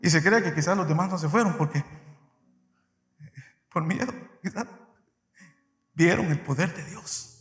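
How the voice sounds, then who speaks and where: A man preaching a sermon as pastor, emphatic and addressing his listeners directly, swinging between loud and soft. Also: on the high side, unhurried, pauses often, soft background music. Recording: echoey church hall reverb.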